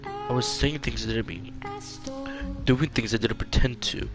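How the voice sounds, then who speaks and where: A man's voice: medium pitch, a little slow. A man reading a visual novel aloud for a let's-play, stumbling and repeating words as he goes. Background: game music.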